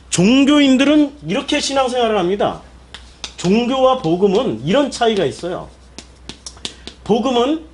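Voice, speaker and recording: A male pastor with a high voice preaches a sermon, throwing rhetorical questions at the congregation, answering them himself and bursting into sudden emphatic exclamations.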